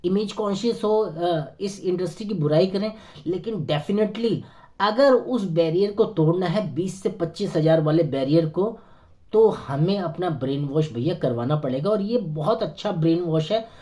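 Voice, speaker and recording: A hoarse man with a sore throat talks earnestly to camera as a network marketing consultant, giving a persuasive motivational pitch. His voice is high with a dark tone, at normal speed, and he hesitates with many fillers.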